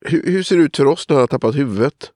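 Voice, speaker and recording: A man's voice: on the high side, lively intonation, a little mellow, dry recording, studio quality. A man playing a tabletop role-playing game, asking hesitant questions about the scene. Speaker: player.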